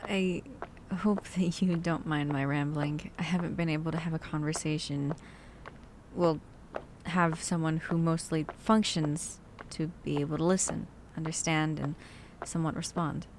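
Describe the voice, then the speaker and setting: In an ASMR roleplay audio drama, a woman plays a chatty, cautious survivor of a zombie apocalypse, addressing the listener in rambling, hesitant asides. Her voice is low and darkish with a steady tone and moderate pace, and there's a slight hiss or hum. She sounds chatty and musing.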